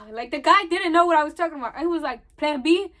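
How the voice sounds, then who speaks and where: A young woman telling a storytime vlog in an animated way, acting out the dialogue. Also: high-pitched, quick pace. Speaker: vlogger.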